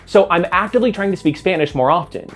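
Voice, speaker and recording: Sarcastic American man, slightly high voice. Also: quick pace, soft background music. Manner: sarcastic, self-mocking know-it-all. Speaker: video essay host. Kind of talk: scripted commentary.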